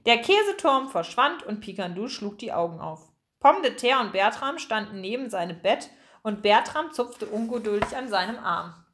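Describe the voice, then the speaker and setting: A woman narrating a children's audiobook, expressive and slowing down for suspense. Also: mid-range voice.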